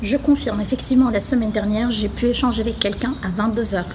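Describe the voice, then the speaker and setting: A woman's voice: a little high, steady tone, fast, noisy background, natural voice. A woman playing a busy, agreeable professional chatting with friends in an amateur audio drama. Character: Léa, busy, agreeable female professional who loves her job.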